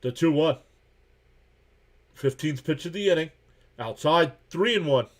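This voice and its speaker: A man streaming a live game reaction, calling each pitch and count in casual play-by-play while greeting viewers and reading their chat messages aloud. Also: expressive, unhurried. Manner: chatty and laid-back, greets viewers by name.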